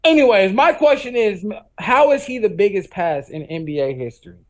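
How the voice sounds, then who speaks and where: An American man with a strikingly high-pitched voice debates sports. He is argumentative and insistent, circling back to restate his point. His delivery is casual and slangy, like a panelist who will not let go. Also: lively intonation, normal speed.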